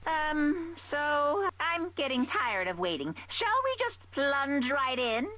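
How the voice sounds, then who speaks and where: A gleeful video game mascot making a grand entrance as announcer. The voice is high and bright, leaping wildly up and down with slow, showy relish. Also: female voice, big pitch swings, heavily acted, rough recording. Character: gleeful theatrical mascot announcer of a deadly trial.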